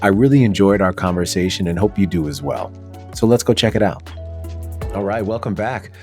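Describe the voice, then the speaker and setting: With soft music behind him, a podcast host talks a little fast in a lowish, slightly mellow voice. His conversational interview style is easygoing, full of casual fillers like "you know."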